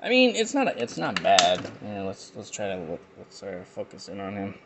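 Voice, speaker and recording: A man's voice: low-pitched, huge pitch swings, a little fast, noisy background. A man giving rambling, jokey commentary as he unboxes and reviews action figures. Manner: rambling, jokey, with frequent fillers. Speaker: toy reviewer.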